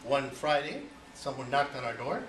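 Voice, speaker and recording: A man born in Cuba, in his forties, delivers a personal icebreaker speech to an audience at a moderate pace, his medium-pitched, fairly bright voice rising and falling in a sing-song way. He's chatty, full of you-knows and rhetorical questions, and the noisy, echoey recording places him far from the mic.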